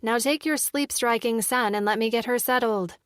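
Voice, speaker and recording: A woman voicing a young human mother who is warm, lively and quick to speak her mind. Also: fairly high pitch, dry recording, studio quality, natural voice. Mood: exasperated.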